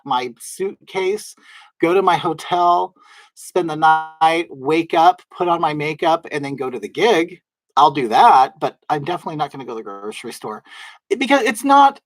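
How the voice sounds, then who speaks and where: A man with a soft, feminine-sounding, fairly high voice hosts a livestream from home, dressed in drag with his wig on, casually chatting and answering viewers. He rambles chattily with many fillers and restarts, and the low-quality recording has no room sound.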